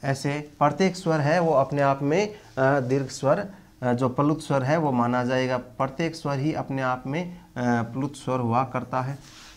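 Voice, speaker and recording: A male Hindi grammar teacher giving an online lecture, speaking deliberately and filling his pauses with long drawn-out "a" sounds. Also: mid-range voice, steady tone. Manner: slow, deliberate, with many drawn-out "a" fillers.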